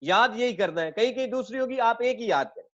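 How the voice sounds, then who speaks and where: A male English teacher explaining word stress, saying each example word again and again, slowly drawing out the stressed syllables, and calling his listeners children. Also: very high voice, lively intonation, a bit bright, highs cut off. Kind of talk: classroom-style lesson.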